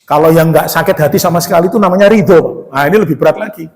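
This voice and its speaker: Speaking rapid-fire in a slightly high, slightly mellow voice, a man preaches as ustadz in a mosque hall with a West Javanese Indonesian accent. His sermon is conversational: he calls the congregation Pak, poses questions to them, and acts out quoted voices, all under the hall's long, echoey reverb.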